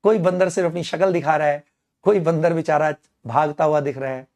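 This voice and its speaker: A man teaching chemistry in a playful online lecture, staging mock dialogues with his students and slowing down to dictate English phrases word by word. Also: fairly high pitch, steady tone, a little mellow.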